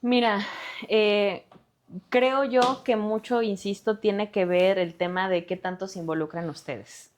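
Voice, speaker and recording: A woman's voice: mid-range voice, fairly even intonation, measured pace. A woman with a Mexican accent, a lawyer and activist, talking earnestly and directly as a guest on a podcast interview. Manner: earnest, direct, appealing to listeners.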